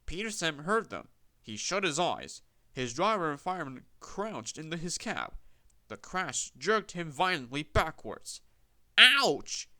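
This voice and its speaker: A man narrating a children's railway storybook in a lively, expressive way. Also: fairly high pitch, unhurried, no echo.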